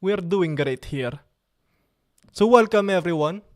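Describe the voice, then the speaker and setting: Speaking at an unhurried pace, the man has a high voice with lively intonation. He hosts a relaxed live stream from his computer in an Italian accent, joking around and repeating himself.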